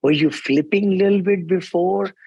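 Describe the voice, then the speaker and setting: A man's voice: high voice, moderate pace, gravelly, darkish tone, slightly rough, no echo, lo-fi sound. A man from India hosting an interview, enthusiastic and chatty, often calling his guest "brother". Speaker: podcast host. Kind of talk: conversational interview.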